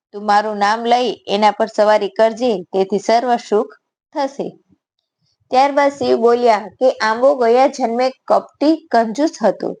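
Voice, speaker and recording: Woman, Gujarati accent, devotional story narration, steady reading voice, slightly high pitch, gravelly.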